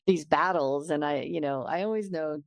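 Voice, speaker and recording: A woman podcast host with a low, gravelly voice that sounds slightly worn. She talks reflectively, searching for her words with pauses and fillers. The sound is close and dry. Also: dry recording. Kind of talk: reflective interview conversation.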